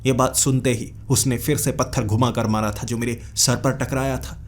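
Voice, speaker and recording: A man's voice: mid-range voice, flat delivery, normal speed. Man telling a suspenseful horror story. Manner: dramatic, suspenseful. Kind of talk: first-person horror story narration. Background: faint music.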